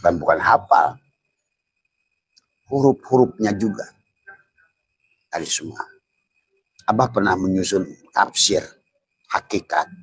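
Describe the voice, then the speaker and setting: A man's voice: lowish voice, slightly rough, dry recording, poor audio. An older man giving a spiritual teaching, chuckling often and dropping into whispered asides. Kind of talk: Sufi religious teaching.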